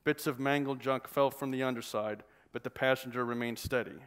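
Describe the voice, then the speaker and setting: A man, the author, reading a passage from his novel aloud at a measured pace. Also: medium pitch, fairly even intonation, a bit bright, smooth.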